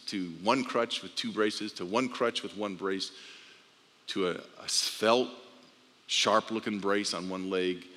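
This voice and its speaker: A man shares a personal testimony, stumbling over and repeating his words as emotion rises. His voice is bright and forceful, and it rings out with a long reverb in a large church hall. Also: on the low side, a little hiss or hum. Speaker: speaker giving a testimony.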